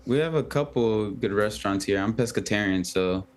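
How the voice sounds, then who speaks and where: A young professional footballer from the United States who speaks Twi gives halting, soft-spoken interview answers full of "ums." His voice is fairly low in pitch.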